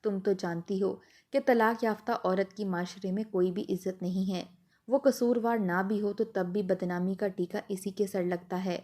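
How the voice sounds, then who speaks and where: A woman's voice: mid-range voice, steady tone, dark tone, natural voice. A woman voicing a frightened, tearful young married woman in a storybook narration, anxious and pleading.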